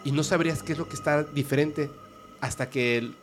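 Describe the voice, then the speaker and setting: A man's voice: a little high, brisk, a little hiss or hum. A man telling a story in a casual chat, acting out the dialogue of the people in it. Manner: animated, quotes characters in dialogue. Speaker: storyteller host. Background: background music.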